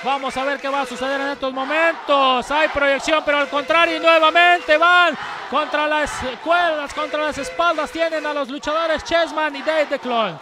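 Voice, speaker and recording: Casting: male wrestling commentator, very high raised voice, shouted play-by-play over a loud arena crowd. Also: fairly even intonation, normal speed, background noise. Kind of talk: live lucha libre commentary. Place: large packed indoor arena, ringside. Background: cheering crowd.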